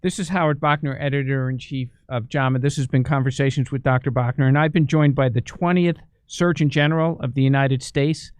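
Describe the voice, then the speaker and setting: A middle-aged man hosting an interview, asking questions in a measured way with halting restarts. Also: mid-range voice, fairly even intonation, clean tone, dry recording. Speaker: interview host, journal editor.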